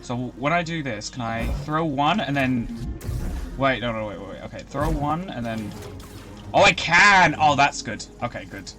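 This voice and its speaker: A young man chatting casually as he streams a video game, rambling and breaking into excited outbursts. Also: mid-range voice, normal speed, music in the background. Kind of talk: casual live-stream commentary.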